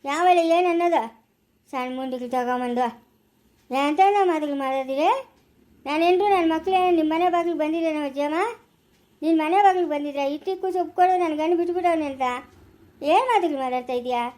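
A quarrelsome village man full of indignation, played by a woman, scolding and ranting in a rural Chikkaballapura Kannada accent. The voice sits very high. Lines come in repeated, defensive bursts, like a family skit. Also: fast, darkish tone, close to an everyday voice. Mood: indignant.

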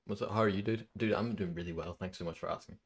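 A man hosting a video, chatting with strangers online in a deadpan, mock-sincere way. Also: low-pitched, quick pace, gravelly, slightly rough. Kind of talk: casual chat, deadpan trolling.

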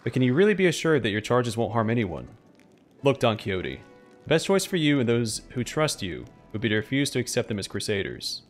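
A man's voice: mid-range voice, very animated, fairly quick, faint music behind, natural voice. A man voicing a wary, stern adviser who gives cautionary, formal counsel in game dialogue read aloud.

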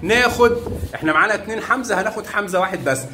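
A man's voice: sits high, racing, bright, forceful tone. A man with an Egyptian Arabic accent teaching math to young children, coaxing them along with lots of praise and pet names. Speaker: primary school math teacher. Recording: echoey room, faint background noise.

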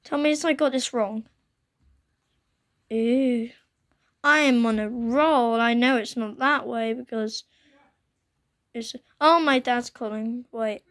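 A croaky young woman hosting a gaming channel chats and exclaims her way through a computer game, speaking slowly with long pauses in a voice that's on the high side and a bit bright. She films her laptop screen on a phone at home as rain falls outside.

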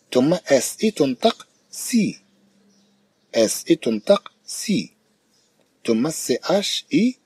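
A man with a Moroccan Arabic accent teaching a recorded primary-school French lesson, explaining slowly and repeating each sound and word several times. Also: mid-range voice, a little mellow, breathy edge, no room sound.

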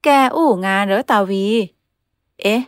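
A woman voicing a bossy middle-aged rich mother who scolds loudly. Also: a little high, measured pace, no echo, studio quality, lightly acted. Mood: scolding. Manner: loud, scolding.

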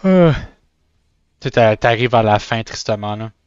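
A man with a Québécois French accent and a lowish, expressive voice chats casually on a live stream while drawing, mixing in English words and often stammering and restarting. He speaks at normal speed, and the audio is clean but dull, with no echo.

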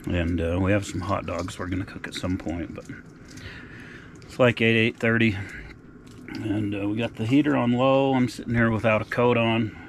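A middle-aged man giving relaxed, folksy updates in a casual outdoor vlog, recorded on a camera mic. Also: fairly low pitch, normal speed, a little hiss or hum. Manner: laid-back, folksy updates. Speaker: outdoor vlogger. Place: frozen lake outdoors and inside an ice-fishing tent.

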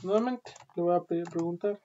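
A woman's voice: fairly low pitch, normal speed. A woman teaching a programming class, explaining step by step and often checking in with "¿sí?". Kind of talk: screen-recorded coding lesson. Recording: dull lo-fi audio with clear background noise and keyboard typing.

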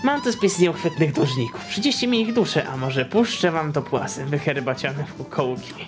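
A man's voice: a little high, huge pitch swings, normal speed. A man putting on a gloating devil boss. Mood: threatening. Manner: gloating, threatening. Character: menacing grinning devil casino owner, male. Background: game music.

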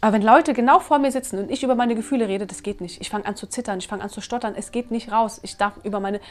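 Earnest, animated woman in her thirties, a parenting vlogger talking straight to camera. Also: on the high side, fast. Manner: earnest, animated, acts out her own scolding. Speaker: parenting vlogger, mother of three. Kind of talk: casual talk to camera. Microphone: camera mic.

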